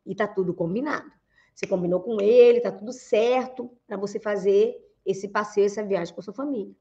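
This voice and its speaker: A woman with a Brazilian Portuguese accent gives a lecture to an audience, coaching them on communication. Her medium-pitched voice is brisk and warm, and the recording sounds lo-fi. She asks rhetorical questions, calls her listeners "gente," and acts out quoted speech.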